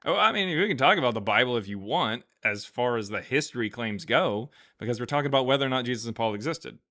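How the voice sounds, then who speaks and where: A man's voice: mid-range voice, expressive, fast talker, sharp tone. A man hosting a live stream, chatting casually and arguing bluntly, often laughing. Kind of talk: casual debate chat.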